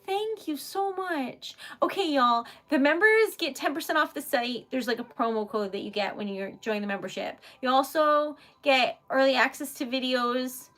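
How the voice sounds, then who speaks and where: A woman's voice: high-pitched, lively intonation, normal speed, hardly any pauses, a bit bright. A woman with a Rhode Island accent chatting casually and animatedly as she hosts a livestream, rambling and giggly. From Rhode Island, United States. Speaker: livestream host, independent artist.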